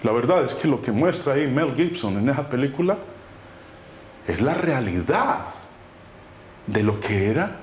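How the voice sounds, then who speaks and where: A man preaching a sermon, swinging between loud emphatic lines and low hushed phrases. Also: big pitch swings, unhurried, pauses often. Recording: very echoey room with faint noise.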